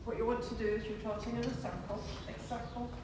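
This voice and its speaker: A woman coaching a horse riding lesson, giving brisk, encouraging commands and repeating short cues to her pupil. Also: on the high side, fairly even intonation. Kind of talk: live riding lesson instruction. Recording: echoey hall, distant, noisy.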